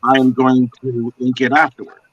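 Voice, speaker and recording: A comic artist chatting casually on a live drawing stream, blunt and teasing, swearing freely. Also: male voice, medium pitch, monotone, moderate pace, a bit bright, slightly rough, no room sound. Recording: dull lo-fi stream audio.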